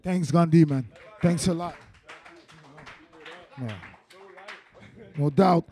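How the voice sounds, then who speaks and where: A web TV host with a Quebec French accent enthusiastically hypes up his guests during an interview. His voice sits on the high side, warm with a breathy edge, and he draws out his words.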